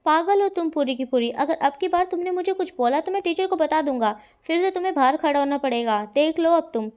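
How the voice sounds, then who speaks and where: A woman's voice: high voice, brisk, a little mellow, smooth, lightly acted. A woman voicing an irritated, studious teenage schoolboy who begs to be left alone in a storybook reading.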